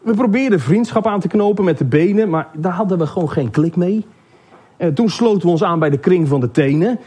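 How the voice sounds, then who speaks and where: A man voicing a male hand, a churchgoer who is slow with his words and stammers as he explains why he is leaving. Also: high voice, lively intonation, dark tone, husky. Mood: hesitant.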